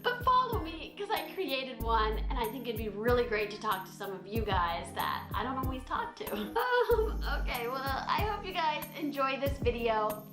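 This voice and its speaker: A woman's voice: on the high side, big pitch swings, over music. Bubbly giggly young woman vlogging. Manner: bubbly, giggly, drawn-out enthusiastic gushing. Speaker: travel vlogger. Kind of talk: casual vlog narration.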